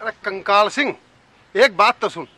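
Brief: man as a blustering village cop, very high voice, comedy skit. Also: normal speed, pushed and bright, no room sound. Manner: blustering, comic rustic banter. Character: bumbling corrupt village police inspector, man.

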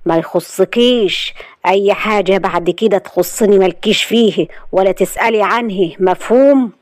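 A woman's voice: medium pitch, moderate pace, a little mellow, no room sound, clean studio sound, lightly acted. Woman doing a stern, curt Egyptian hero. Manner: curt, commanding, cold. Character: stern, protective young man.

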